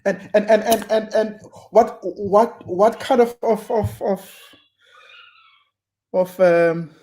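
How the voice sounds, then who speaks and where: A man's voice: high voice, takes it slowly, a little mellow. A man hosting an interview, stumbling over repeated words as he builds up to his questions. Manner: hesitant, stammering repeated words before questions. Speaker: interviewer host. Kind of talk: casual interview.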